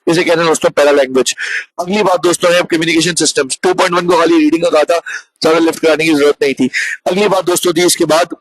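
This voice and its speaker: A man leads an online revision lecture, talking to his students as friends and mixing English terms into his explanations. His voice sits fairly high, and the recording is dry and close with no room sound. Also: steady tone, fast talker, no echo, rough recording. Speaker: teacher.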